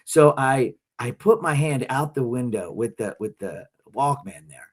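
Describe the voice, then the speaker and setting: Middle-aged male podcast co-host, lively storyteller, mid-range voice. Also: medium pitch, unhurried. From Philadelphia area, United States. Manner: animated storyteller, acts out quotes. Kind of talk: casual chat.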